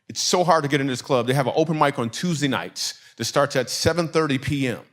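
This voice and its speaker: A middle-aged man from Michigan doing stand-up storytelling, animated, acting out the voices of people in his story and laughing along with his own lines. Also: mid-range voice. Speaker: stand-up comedian. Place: comedy stage before a live audience.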